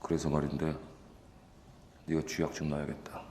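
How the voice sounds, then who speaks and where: An actor playing a brash, foul-mouthed, stubborn male prosecutor in a period film, talking bluntly and gruffly. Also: rumbling low, completely flat delivery, normal speed, mellow. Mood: grumbling. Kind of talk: 1980s period film acting. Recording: film audio with faint noise.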